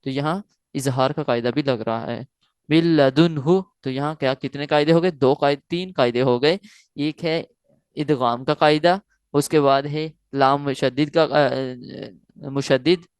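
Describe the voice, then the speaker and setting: A man teaching Quran recitation online, explaining each rule and then slowly reciting each phrase several times. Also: mid-range voice, clean tone, dry recording, studio quality.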